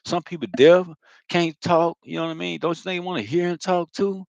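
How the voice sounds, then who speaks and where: A man's voice: fairly high pitch, brisk, gravelly, dry recording, muffled recording. A man giving a loose, profane spiritual monologue, talking casually with lots of fillers. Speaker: spiritual vlogger.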